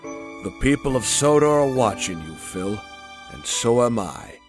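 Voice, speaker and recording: A man's voice: mid-range voice, big pitch swings, a little slow. Man acting a proud father's letter over music. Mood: proud, solemn. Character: proud, watchful father writing to his grown son. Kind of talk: letter read aloud as dramatic voice-over.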